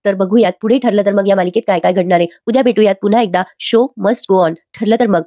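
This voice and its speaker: A woman's voice: mid-range voice, fast, dark tone, highs cut off. A woman reviewing a TV serial episode, retelling it casually and speaking straight to her viewers. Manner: chatty, addresses viewers directly, reads out characters' lines.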